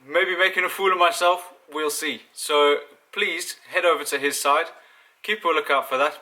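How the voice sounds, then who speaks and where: In a low-quality recording, a car vlogger with a fairly high, pushed, bright voice chats at normal speed while fixing up his car at home. Born in South Africa and raised in Zimbabwe, he keeps it casual and self-deprecating.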